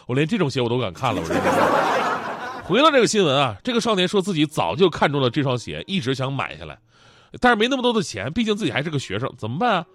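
A man's voice: fairly high pitch, rapid-fire, slight background noise. A man, hosting and telling funny stories lots of laughter. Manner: animated, joking, laughing often. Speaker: host. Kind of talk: comedic storytelling.

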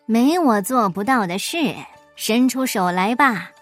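A clever folk hero teases with calm, sly remarks, as a woman reading a storybook puts him on. The voice sits fairly high and moves slowly. The recording is dry and close. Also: no echo, faint music behind. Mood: sly teasing.

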